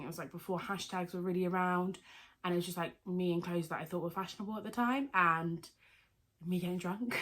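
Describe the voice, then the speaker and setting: A woman's voice: mid-range voice, fairly bright tone. A woman, answering viewer questions in a chatty, rambling vlog with lots of fillers and self-corrections. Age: 20s. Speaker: vlogger. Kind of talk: casual Q&A vlog.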